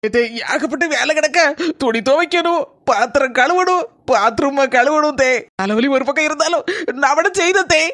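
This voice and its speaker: A woman's voice: high voice, expressive, moderate pace, a bit bright, dry recording, studio quality. A woman with a Kanyakumari Tamil accent voicing a lazy, scheming young daughter-in-law in a cartoon. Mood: fake-suffering. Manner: complaining, sly, dramatic. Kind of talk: cartoon voice acting.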